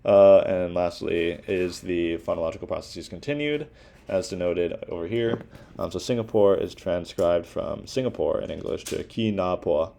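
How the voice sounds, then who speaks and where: A man's voice: deep voice, animated, moderate pace, creaky, warm tone. A young man giving a casual class presentation, talking informally with many fillers and restarts. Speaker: student presenter.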